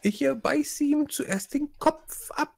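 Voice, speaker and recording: Slow, high-voiced woman player. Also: gravelly, darkish tone. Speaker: tabletop role-play player. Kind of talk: in-character game chat.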